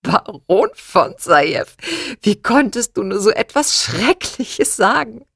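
Woman voicing an exasperated mother, muttering, higher pitch, storybook reading, dry sound. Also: sing-song, unhurried, husky, no echo, full character voice. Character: exasperated mother, fighting laughter.

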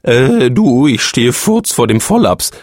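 A man's voice: medium pitch, very animated, takes it slowly, darkish tone, dry recording, clean studio sound, voice pushed up. A man voicing a weary, grumpy male phoenix ruler in a comic story, with a raised, exasperated delivery. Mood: evasive.

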